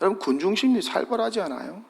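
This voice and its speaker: Korean pastor preaching with lively, high delivery. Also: male voice, quick pace, gravelly. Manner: asks the congregation questions, rises and falls dramatically. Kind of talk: sermon.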